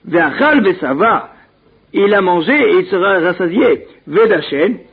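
A man teaches a religious text, reading out each Hebrew phrase before translating it into French at a measured pace. His voice sits high for a man, with a gravelly, husky edge. The recording sounds dull and lo-fi. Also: expressive. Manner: measured teaching delivery with small restarts. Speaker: Talmud teacher.

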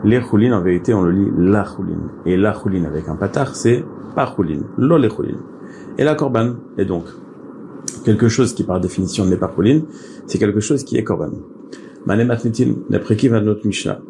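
A man's voice: fairly low pitch, a little fast, background noise. A man teaching a daily Talmud class, explaining step by step and mixing Hebrew and Aramaic terms into his speech.

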